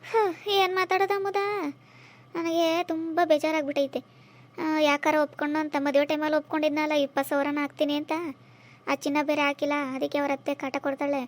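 A woman voicing a worried, poor village mother who pleads tearfully and slowly for help for her daughter in a cartoon drama. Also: sits high, close to an everyday voice.

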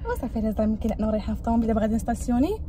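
Young moroccan girl vlogging on her phone, chatty upbeat, high voice, noisy background. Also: big pitch swings, racing, mellow. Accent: Moroccan Arabic. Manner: chatty and upbeat, talking straight to viewers. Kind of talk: casual vlog chat.

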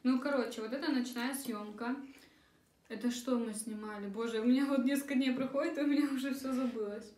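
A woman's voice: a little high, steady tone, a little fast, a little mellow. A young woman chatting casually for a mukbang vlog, talking while she eats at a table. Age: young adult. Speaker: vlogger. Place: small room at a dining table. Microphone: camera across the table. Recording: roomy, faint cutlery and dish noise.

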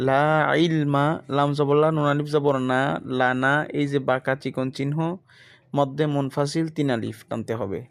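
A man teaching Quran reading, spelling out Arabic letters and vowel marks one at a time in a slow, methodical drill. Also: a little high, smooth.

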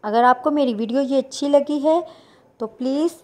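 A woman, talking viewers through a recipe step by step in a plain, unhurried voice-over. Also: high voice. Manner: plain instructional, unhurried with small restarts. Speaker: cooking channel host.

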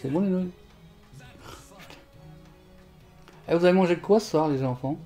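A man streaming a fighting game from home on a desk mic, swearing and shouting at the game while chatting with viewers. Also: fairly high pitch, very fast, soft background music. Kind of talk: live gameplay commentary. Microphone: desk microphone.

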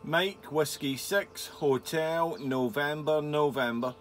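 A man's voice: a little high, takes it slowly, slight background noise. A man working as an amateur radio operator, exchanging call signs and short signal reports. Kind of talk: ham radio contact exchange.

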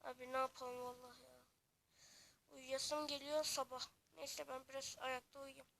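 A woman's voice: high voice, level tone, unhurried, gravelly, a bit bright, slight background noise. A woman acting out a playful Minecraft story, chatty and dramatic as she switches between characters. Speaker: game story narrator. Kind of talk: playful Minecraft role-play, voicing several characters.

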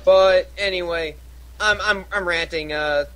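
A man's voice: sits high, steady tone, measured pace, pushed and bright. Rambling young-sounding man ranting. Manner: rambling, ranting, stammers on restarts. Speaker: podcast co-host. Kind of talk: casual chat.

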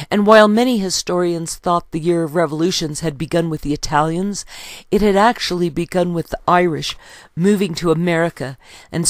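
A woman reading her own history book aloud in a steady, measured way, citing page numbers as she goes. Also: lowish voice, no echo, studio quality.

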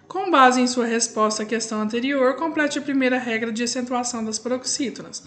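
A woman's voice: a little high, fairly quick, a bit bright. A woman teaching a recorded lesson with a Brazilian Portuguese accent, patiently explaining step by step and drawing out words as she says them.

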